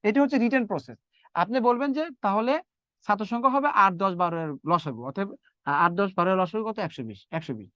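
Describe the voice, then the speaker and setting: A man's voice: high-pitched, expressive, quick pace, a bit bright, no room sound, muffled recording. A man teaching math in a live online lecture, repeating steps and quizzing his students as he works through sums.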